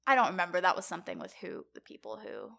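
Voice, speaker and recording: She's a young adult podcast co-host explaining the episode's topic casually, like a conversation. Her lowish voice is gravelly and a bit bright, very animated, and she talks fast.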